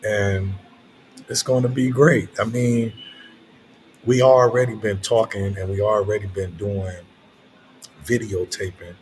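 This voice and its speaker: An older man hosting a casual late-night monologue in a reflective, halting way, repeating phrases for emphasis. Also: lowish voice, fairly even intonation, a little hiss or hum. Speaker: host of a late night talk stream.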